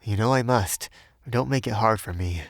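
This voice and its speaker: A man's voice: fairly low pitch, normal speed, creaky, dry recording, clean studio sound. A man voicing a cheerful young man who talks in a light, breezy way. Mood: gentle.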